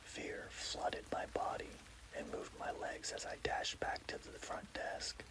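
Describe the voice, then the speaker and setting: A person telling a scary story in a hushed, slow, deliberate ASMR whisper. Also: low-quality recording.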